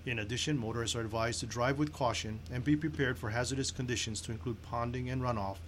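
A man reading a scripted civil defense emergency announcement in a formal, serious, measured manner. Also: mid-range voice, a little hiss or hum.

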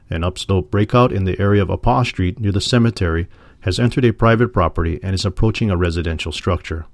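A man reading a formal, scripted civil defense broadcast as an official giving a public update, in a measured, official manner. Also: low-pitched, a little mellow, dry recording. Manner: measured, official, plainly reading prepared text.

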